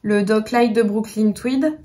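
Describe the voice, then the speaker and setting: A woman's voice: mid-range voice, steady tone, a little slow, warm tone. A woman co-hosting a podcast in casual chat, often chiming in briefly and prompting her co-host.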